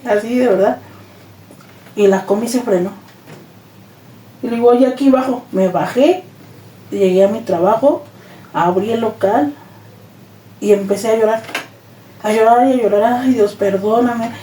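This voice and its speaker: A Mexican woman shares her personal testimony as an interview guest, bringing each quoted exchange to life. Her voice is mellow and dark-toned. It sounds roomy and a bit distant, with faint noise underneath. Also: fairly high pitch. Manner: animated retelling, acts out quoted dialogue.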